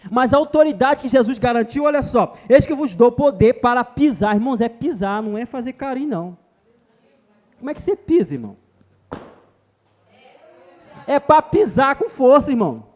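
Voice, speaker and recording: A man's voice: extremely high pitch, sing-song, normal speed, long pauses. A man with a Brazilian Portuguese accent preaching a sermon at a church retreat, emphatic, repeatedly calling his listeners brother.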